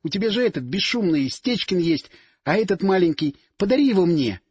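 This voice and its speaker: A man's voice: high voice, very animated, a little fast, darkish tone, husky, no room sound, studio quality, heavily acted. A man voicing a cheeky, wheedling young woman nicknamed Squirrel, in an audiobook. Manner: whiny, wheedling.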